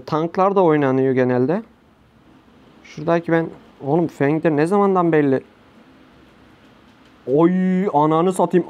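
A young man with a slightly high voice talks viewers through his matches on a home desk mic. He keeps losing his temper, cursing at opponents and grumbling between plays. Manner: frustrated, swears a lot, shouts at opponents. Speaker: gaming YouTuber. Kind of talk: live gameplay commentary.

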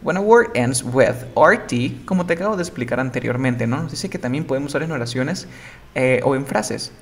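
A man teaching an English pronunciation lesson, explaining patiently and repeating example words slowly and with emphasis. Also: mid-range voice, lively intonation, a little hiss or hum.

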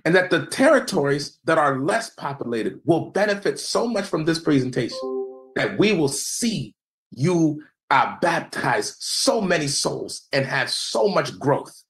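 Over a video call, a young man from the United States presents an evangelism seminar as a slide lecture. His delivery is measured, preacherly and emphatic, with lively intonation, and he lets his pitch and volume drop at the ends of phrases. The recording is rough.

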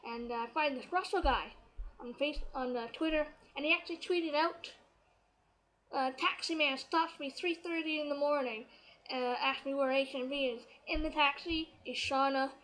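Excitable woman, high-pitched, casual vlog storyteller. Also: normal speed, rough recording. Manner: excitable, chatty, quotes others as she retells. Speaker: vlogger.

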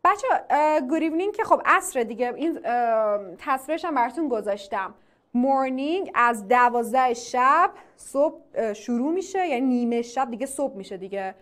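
A Persian-speaking woman with a high, expressive and somewhat bright voice teaches an online English class, posing questions to the class, answering them herself and slowly repeating English phrases for drilling.

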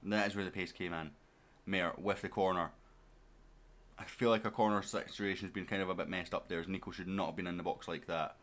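A man's voice: low voice, fairly even intonation, a little fast, a bit bright. A man giving casual let's-play commentary as a gaming YouTuber, chatting straight to his viewers and to his players.

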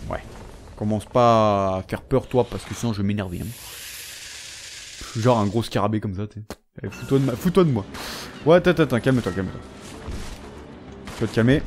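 This man is a let's play gamer who talks right at the on-screen characters while casually commentating. Enemies get teased and taunted, and his delivery shifts between quiet muttering and excited yelping.

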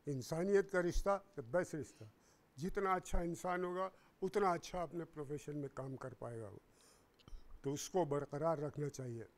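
A man giving a lecture on acting to students, animated, talking to the audience directly and acting out examples. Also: on the high side, normal speed. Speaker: acting teacher at a seminar.

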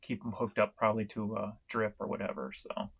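A middle-aged man from St. Louis, Missouri, giving a casual vlog update on his online reselling, talking in a slow, rambling way with many fillers and restarts. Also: on the low side, fairly even intonation, gravelly, fairly bright tone, slightly rough. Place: home room, indoors.

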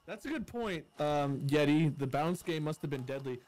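A man's voice: on the high side, expressive, normal speed, a little mellow. A man hosting a casual multiplayer ghost-hunting stream, teasing his friends as they play. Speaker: streamer host. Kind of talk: casual gaming chat.

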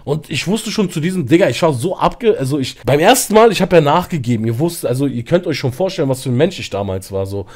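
A man streaming live, telling a personal story in a slangy, animated way with lots of fillers. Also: on the high side, fast talker, hardly any pauses. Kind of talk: casual storytelling on a livestream.

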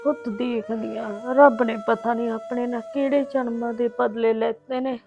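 A woman's voice: fairly high pitch, steady tone, moderate pace, vocal fry, muffled recording. An actress playing a grieving mother who weeps and consoles her family in a short drama. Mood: tearful. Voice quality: tearful, wailing lament. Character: grieving middle-aged mother, tender and weary. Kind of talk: emotional village drama acting.

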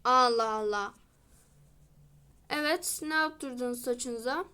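Woman playing a hairdresser mom, calm and matter-of-fact, slow, high bright voice. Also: smooth. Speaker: role-play narrator voicing the hairdresser mother. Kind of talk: toy role-play voicing.

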